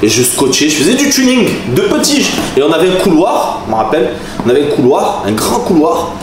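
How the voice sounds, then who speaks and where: Here the southern French taekwondo master and vlogger, in his forties, sounds a little high and fairly quick as he tells stories to camera with plenty of laughter and animated asides. It's a room with a camera crew, recorded from a distance, so the sound is roomy with background noise.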